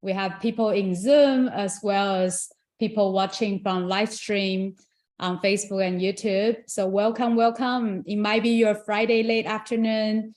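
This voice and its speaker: A young woman from Taiwan hosts an online tech forum, greeting people and introducing the day. She sounds upbeat and chatty, with plenty of casual fillers. Her voice sits at a middle pitch. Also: a little mellow. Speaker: event moderator. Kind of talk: casual online event hosting.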